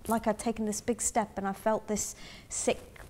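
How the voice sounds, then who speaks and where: A middle-aged woman from Zambia telling her life story in an interview, thoughtful and halting, often restarting her sentences, recorded close up in a dark room. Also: mid-range voice, flat delivery, slight background noise. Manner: thoughtful, halting, with frequent restarts and soft asides. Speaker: interviewee in a community film. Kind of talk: reflective personal storytelling.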